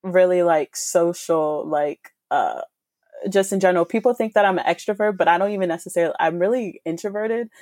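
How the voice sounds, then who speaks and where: Casting note: twenties woman, low-set voice, loose filler-heavy chat, dry close recording. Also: brisk, a little mellow, no room sound. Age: 20s. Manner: chatty, many fillers and restarts. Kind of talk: casual chat.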